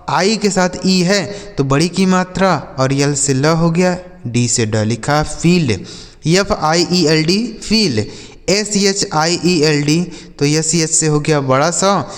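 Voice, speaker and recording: Hindi-speaking man teaching, long reverb. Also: fairly high pitch. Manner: asks the audience questions and answers them himself; spells words out letter by letter, slowly. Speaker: English teacher. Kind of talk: spoken lesson.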